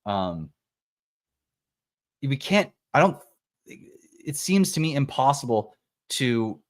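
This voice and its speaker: A man's voice: medium pitch, sing-song, slow, no room sound, clean studio sound. A man hosting a casual livestream, musing thoughtfully and rambling with fillers and restarts. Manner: rambling, with many fillers and self-corrections. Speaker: livestream host. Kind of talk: casual reflective livestream talk.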